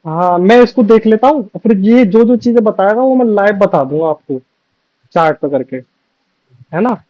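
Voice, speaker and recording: Man, casual live explainer, high voice, dry muffled sound. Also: animated, moderate pace, mellow, no room sound. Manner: casual, thinking aloud while explaining. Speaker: commentator reacting to a video.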